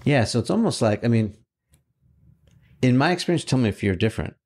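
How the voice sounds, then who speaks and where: A man's voice: mid-range voice, expressive, brisk, darkish tone. A man hosting a business podcast, encouraging his guest and reflecting on what he hears, often with short affirmations. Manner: encouraging, reflective, with many backchannels. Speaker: podcast host. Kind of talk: podcast interview.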